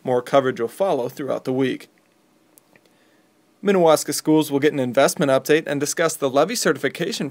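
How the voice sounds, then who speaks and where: Local radio newsreader: American male, middle-pitched voice, scripted bulletin delivery. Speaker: local radio news reader. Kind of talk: scripted local news reading.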